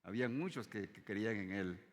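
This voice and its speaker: A man preaching a sermon in a church, his voice carried by a long hall reverb. He keeps addressing the congregation as brothers, rising on key words and sinking low at the ends of phrases. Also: moderate pace. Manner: repeats "hermanos" often, dropping his voice low at phrase ends.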